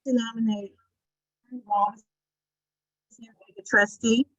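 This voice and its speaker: Woman, meeting member on a remote call; audio choppy and breaking up, dull lo-fi line, slightly high voice. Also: level tone, a little slow, fairly bright tone. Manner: polite, asks if she is heard. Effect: choppy call audio that keeps cutting out. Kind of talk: formal meeting talk.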